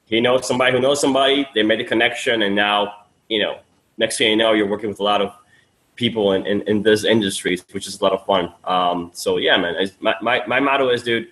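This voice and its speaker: A man from Peru, somewhere in his thirties, with a fairly low voice. He talks freely and casually as a podcast guest. He drops in "man" and "dude" and restarts his sentences often. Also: fairly even intonation, quick pace, fairly bright tone, rough recording. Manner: talkative, loose and friendly, says "man" and "dude", many fillers and restarts. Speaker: guest, sales funnel coach.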